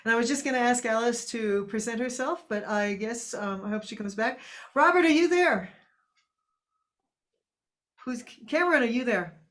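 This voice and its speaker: A woman with a fairly high voice hosts a meeting over a video call. She is chatty and laughs easily, and she keeps drawing the others in. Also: moderate pace, long pauses. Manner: chatty, laughs often, asks others to speak. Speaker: meeting host. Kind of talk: casual video call talk.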